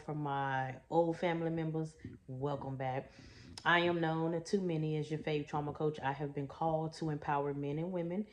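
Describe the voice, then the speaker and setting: A woman's voice: sits low, darkish tone, slight background noise. A middle-aged woman from Texas, a trauma coach, chatting folksy to her viewers in a story-time vlog and calling them y'all and baby. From Houston, Texas.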